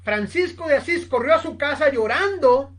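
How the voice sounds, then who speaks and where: A woman preaching a sermon, telling a story slowly and with emphasis, constantly addressing her listeners as brothers. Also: high voice, animated. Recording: online seminar recording.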